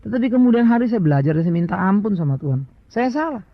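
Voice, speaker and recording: Gravelly high-voiced Indonesian pastor preaching. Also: male voice, animated, fast talker, no echo. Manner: storytelling with rhetorical questions and English asides. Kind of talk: sermon. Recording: dry, dull lo-fi sound.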